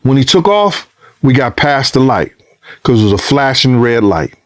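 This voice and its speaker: A man, a former bodyguard, telling a story in a casual interview, cursing freely and acting out what people said, his voice rising high and loud in the tense parts. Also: moderate pace. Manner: profane, re-enacts dialogue, voice climbs high and loud when excited. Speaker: former bodyguard recounting events.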